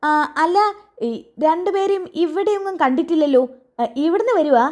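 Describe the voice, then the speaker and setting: Deaf old chai shop guy, high squeaky voice, keeps going "eh? didn't hear" as a lady narrator puts him on. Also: lively intonation, moderate pace. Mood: confused. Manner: shouts back, mishears, confused. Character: hard-of-hearing old village tea shop man.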